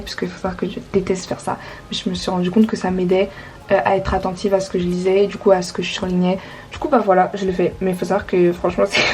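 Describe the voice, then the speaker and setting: A woman's voice: mid-range voice, darkish tone, poor audio. Chatty teenage girl vlogging. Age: teens. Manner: chatty, many fillers. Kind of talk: casual vlog narration.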